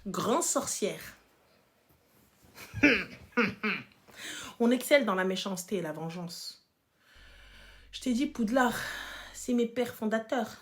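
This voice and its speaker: A woman hosting a casual live chat, playful and teasing, swinging between loud outbursts and hushed whispers. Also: a little high, animated, slow pace, long pauses. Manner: playful, teasing, mixes French with Arabic. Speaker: live stream host.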